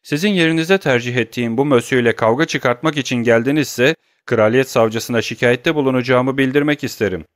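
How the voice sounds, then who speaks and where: A middle-aged banker, as a male audiobook reader puts him on, scared yet bristling, protesting defensively and with agitation. His voice is pitched above the narration and is a touch louder. The sound is dry and close, with no room echo. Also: brisk, hardly any pauses, natural voice. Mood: indignant. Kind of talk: audiobook character reading.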